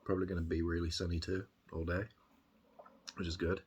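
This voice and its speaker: An extremely deep-voiced man from Birmingham, speaking with the local accent. His voice is husky and rough-edged. He recounts things in a casual, reflective diary style, pausing and rambling as he gathers his thoughts. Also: flat delivery, a little mellow. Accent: Birmingham English. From Birmingham, England. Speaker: video diarist.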